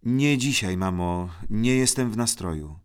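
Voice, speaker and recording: A man's voice: on the low side, expressive, measured pace, clear, resonant tone. Man doing a sullen, restless young man. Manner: sullen muttering. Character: restless, weary young man, eldest son.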